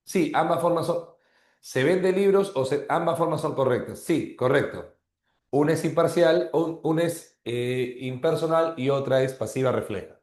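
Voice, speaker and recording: A male teacher giving a grammar lesson, explaining slowly, repeating terms and checking in with frequent tag questions. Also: a little high, a little mellow, echoey room. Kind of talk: online grammar class.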